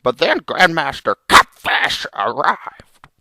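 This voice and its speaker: A man voicing a melodramatic, vengeful frog hero in theatrical comic storytelling, with a gravelly cartoon-like voice. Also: on the high side, very animated, slow, sharp tone, no echo, heavily acted. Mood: dramatic storytelling. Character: melodramatic, vengeful male frog hero telling his journey.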